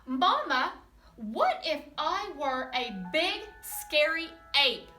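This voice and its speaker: A woman voicing a pleading little child from a storybook, asking question after question in a high, eager, drawn-out voice. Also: expressive, pushed and bright, roomy sound, faint music behind, full character voice.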